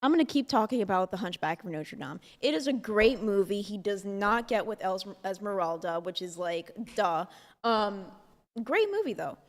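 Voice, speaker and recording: Heavy on fillers like "like" and "um," this podcast host rambles through a casual talk-show chat. She has a medium-pitched voice, an animated manner, and a normal speaking pace, all wrapped in long hall reverb.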